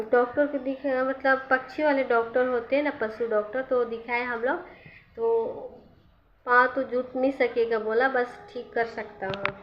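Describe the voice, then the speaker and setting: Woman vlogger, slightly high, slow and earnest, repeats lines for emphasis; dull lo-fi recording. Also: slight background noise. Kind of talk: casual encouraging vlog talk to viewers.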